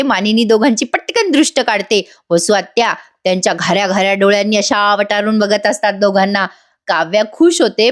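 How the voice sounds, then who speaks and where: A woman doing a voice-over review of a serial episode, amused and chatty, talking straight to viewers. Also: mid-range voice. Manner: gossipy, amused, addresses viewers.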